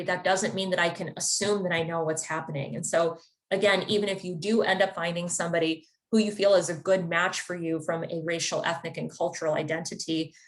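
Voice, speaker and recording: A woman from the Chicago area, a therapist, giving an informative webinar talk in a conversational, explanatory way. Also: lowish voice. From Chicago area, United States. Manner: conversational and explanatory, with occasional fillers. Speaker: therapist presenting a wellness webinar.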